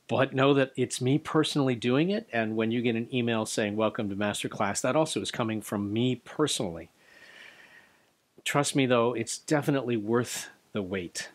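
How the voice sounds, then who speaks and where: An older man in his sixties, a martial arts instructor, speaking earnestly to camera in a dojo, with small restarts. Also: medium pitch. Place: dojo studio indoors. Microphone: studio condenser mic beside him.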